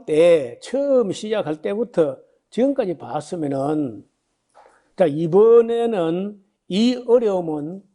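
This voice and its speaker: A man's voice: high-pitched, gravelly, warm tone. A man in his sixties, a pastor giving a Bible lecture, talking in a conversational way with many fillers and rhetorical questions, and reading scripture aloud before he explains it. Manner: reads scripture passages aloud then explains. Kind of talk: sermon-style Bible lecture.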